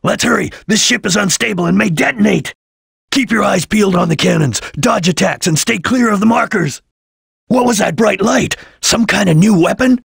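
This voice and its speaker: A man voicing a serious, vigilant ninja chameleon in a video game, with a husky, gravelly voice and a terse, solemn delivery. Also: high voice, a bit bright, no room sound, clean studio sound, full character voice. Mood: urgent, alert. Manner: terse, solemn, deliberate, formal. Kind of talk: English video game voice acting.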